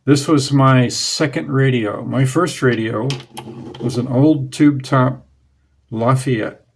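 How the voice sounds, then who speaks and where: Seated before curtains in a small room with a clip-on lapel mic, a man in his forties runs his radio hobby channel and chats casually to camera. His medium-pitched voice is gravelly and slightly rough, and he speaks slowly. He comes across as plain-spoken and nostalgic, using a few fillers.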